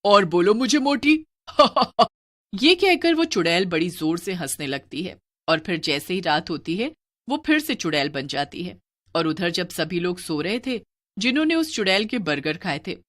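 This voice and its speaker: Lively woman narrating a cartoon story. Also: on the low side, normal speed.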